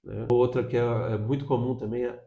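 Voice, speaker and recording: Brazilian guy teaching english, laid-back mellow tone, keeps saying "tá?", kinda roomy echo. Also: medium pitch, level tone, brisk, gravelly, muffled recording. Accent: Brazilian Portuguese. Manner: explanatory, frequent "tá?" check-ins. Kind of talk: video lesson.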